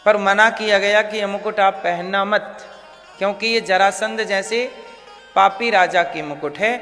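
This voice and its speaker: High, bright-voiced Hindi preacher in a reverberant hall. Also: male voice. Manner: asks the audience questions and answers them himself. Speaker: religious storyteller. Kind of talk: devotional sermon storytelling.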